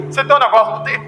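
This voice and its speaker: A Brazilian man voicing a cheeky beggar casually asking for a snack while chuckling. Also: very high-pitched. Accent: Brazilian Portuguese. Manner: fast, laughing, casual. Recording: echoey church hall with music.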